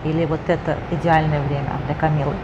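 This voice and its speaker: This woman interviewer has a deep, level voice and talks fast, though the highs in the audio are cut off. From a noisy indoor lounge with leather sofas and bookshelves, she asks chatty, admiring questions in a casual conversation.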